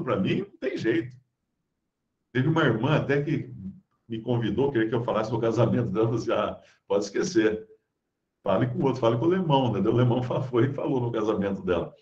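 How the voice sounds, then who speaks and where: A man's voice: mid-range voice, darkish tone. A man giving conversational Bible teaching, reading scripture aloud and explaining it with everyday stories. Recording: roomy, dull lo-fi sound.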